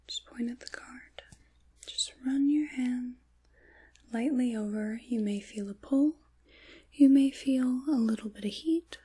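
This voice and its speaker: Playing a kindly, caring witch in an intimate ASMR tarot roleplay, a woman speaks mostly in a soft whisper, gentle and reassuring. Her voice sits high and sounds husky and exaggerated, with a gently mystical mood.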